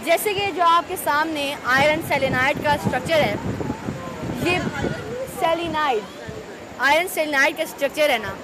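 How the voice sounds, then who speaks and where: A woman's voice: high-pitched, moderate pace. A young woman with a Pakistani Urdu accent, patiently explaining a science exhibit to visitors at an outdoor fair. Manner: patient, explanatory, addresses the listeners directly. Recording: noisy outdoor crowd recording. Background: crowd chatter and traffic.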